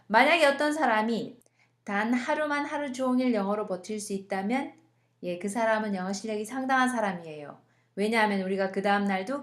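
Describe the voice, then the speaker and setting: A young woman teaching an English lesson in scripted narration, stretching out example words as she coaches pronunciation. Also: medium pitch.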